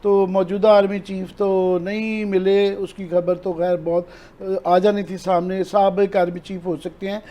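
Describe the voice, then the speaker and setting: A political analyst with a Pakistani Urdu accent speaks in a high, level, dark-toned voice with few pauses. On a news talk show, he earnestly explains events, slipping English terms into his speech.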